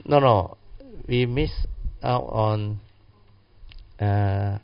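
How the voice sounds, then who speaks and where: A man's voice: on the low side, very slow, vocal fry, smooth. A man with a Malaysian or Singaporean accent teaching a class informally in colloquial slang English, with clipped phrases and tag particles. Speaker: Buddhist teacher. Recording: muffled, dull lo-fi audio.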